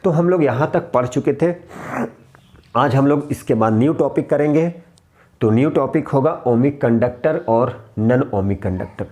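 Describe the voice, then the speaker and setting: Male teacher, slow and mellow, answers his own questions. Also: medium pitch. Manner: clears throat often. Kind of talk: classroom physics lesson.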